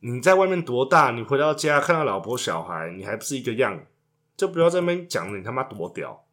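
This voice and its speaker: A man's voice: mid-range voice, sing-song, brisk, a bit bright. A man, co-hosting a casual chat and trading crude jokes. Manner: joking, crude banter. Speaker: podcast co-host.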